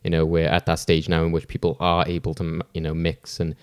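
A man's voice: a bass voice, completely flat delivery, fast, clear, resonant tone, dry recording, clean studio sound. A man hosting a podcast in an informal, rambling, chatty way. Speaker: podcast host. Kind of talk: casual hosting chat.

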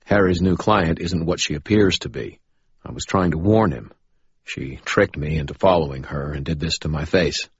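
A man's voice: extremely low pitch, moderate pace, husky, dry recording, lo-fi sound, pitched above the performer's own voice, full character voice. A man voicing the first-person hero in dialogue, tense and pleading. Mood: urgent. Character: urgent young man pleading for help.

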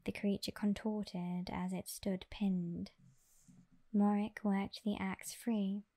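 Female ASMR reader, whispered close-mic delivery, flat and steady, unhurried pace. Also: mid-range voice. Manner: soft and even, unhurried.

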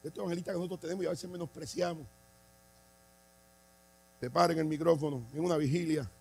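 A man preaching a sermon as a bishop, passionate, moving from hushed storytelling to shouted declarations. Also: fairly high pitch, quick pace, vocal fry, slight background noise, rough recording. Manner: impassioned, swings from quiet to shouting. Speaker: bishop and pastor.

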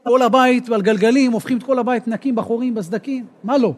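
A rabbi teaching a Torah lesson, an animated storyteller who rises to emphatic outbursts. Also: male voice, very high voice.

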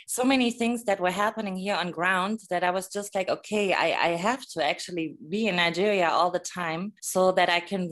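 A woman's voice: medium pitch, a bit bright. A young woman from Germany answering interview questions as a musician guest, thoughtful, with many fillers and restarts.

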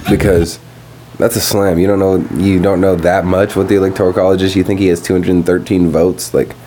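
A young man talking casually and profanely on his podcast while high, rambling from one thought to the next. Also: little pitch movement, a little fast, music in the background. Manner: rambling, profane, laid-back. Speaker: podcast host. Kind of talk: casual stoned podcast monologue. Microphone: podcast microphone.

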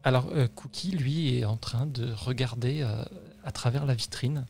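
A man's voice: mid-range voice, normal speed, gravelly, a little mellow, faint music behind. A man narrating a tabletop role-playing game as game master, with many hesitations. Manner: hesitant, full of fillers.

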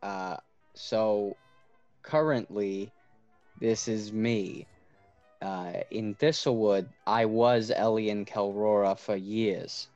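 A man playing a tabletop game, speaking in character and explaining himself earnestly with pauses and restarts. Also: on the low side, steady tone, a little mellow, dry recording, lo-fi sound, soft background music. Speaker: player. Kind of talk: in-character tabletop role-play.

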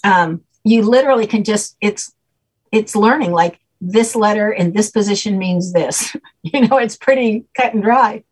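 Over poor audio, a woman with a mid-range, slightly rough voice talks at a moderate pace. As a guest teaching a name system, she explains at length and patiently checks the listener is following, repeatedly asking "okay?"

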